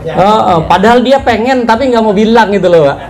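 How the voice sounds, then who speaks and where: A man's voice: high voice, lively intonation, brisk, crowd noise. A man giving a patient, step-by-step lecture to farmers on livestock breeding, often turning to his listeners directly. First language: not Javanese. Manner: patient, addresses listeners as "Pak", spells out points step by step.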